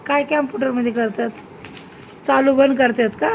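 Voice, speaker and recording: A woman's voice: high-pitched, steady tone, moderate pace, vocal fry, highs cut off, slight background noise. A woman filming a home vlog, chatting casually and scolding with teasing questions. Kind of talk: casual home video chat.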